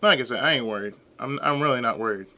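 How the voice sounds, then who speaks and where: A man with a bright, punchy voice commenting casually over gameplay. He is flippant and swears freely, like a streamer talking to himself. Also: mid-range voice, fast talker. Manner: profane, flippant. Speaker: let's player.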